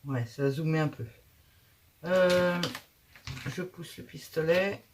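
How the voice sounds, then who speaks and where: A woman's voice: low-pitched, slow pace, slight background noise. A woman hosting a casual craft tutorial, chatting and thinking aloud as she works, with frequent hesitations.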